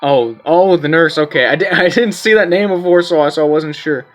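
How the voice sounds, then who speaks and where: A man's voice: on the high side, fairly quick, soft background music. Casual man reading a game aloud. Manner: casual, stumbling over repeated words. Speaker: gameplay streamer.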